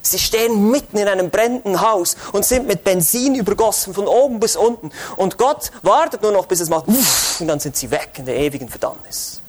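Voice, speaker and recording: A man's voice: high voice, expressive, a little fast, few pauses. Fervent man preaching a sermon. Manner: fervent, rising to urgent exhortation. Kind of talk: expository sermon.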